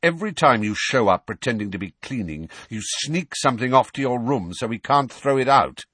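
A man's voice: medium pitch, animated, brisk, a bit bright, husky, dry recording, pitched above the performer's own voice. A man voicing a cold, impatient master of the house in a storybook, snapping curtly. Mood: cold, scornful.

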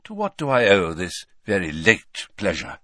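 A man voicing a wise, kindly old headmaster wizard who speaks gently and measuredly. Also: low voice, huge pitch swings, normal speed, no echo, clean studio sound, exaggerated voice.

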